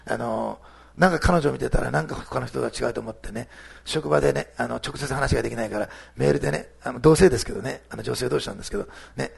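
A man's voice: medium pitch, fast, creaky, husky. A male pastor giving a sermon, telling a testimony story in a chatty way with frequent tags to the congregation. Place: church service streamed online.

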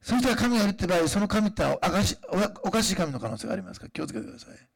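A man preaching a sermon in a conversational way, pausing often with fillers and then rising into emphatic declarations. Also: sits high, very animated, creaky. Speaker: pastor.

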